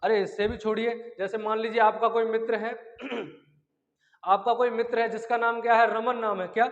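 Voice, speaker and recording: High-voiced man lecturing in an echoey room. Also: level tone. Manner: keeps asking and answering his own questions; drawn-out vowels and chanted syllables as examples. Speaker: teacher. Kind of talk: exam-prep grammar lecture. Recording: dull lo-fi audio in a long-echo room.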